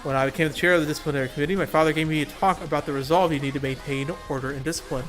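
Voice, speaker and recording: A fiery, earnest young racer girl, all gung-ho determination, as a man reads her lines aloud from a game story. The voice sits a little high for a man, read plainly and eagerly. Soft game music hums underneath. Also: steady tone, racing, close to an everyday voice.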